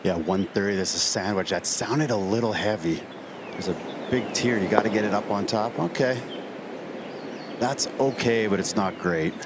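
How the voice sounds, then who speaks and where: A man with a deep voice gives live on-course golf commentary. His remarks are terse and informal, describing each shot. The outdoor broadcast has clear noise behind him. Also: moderate pace.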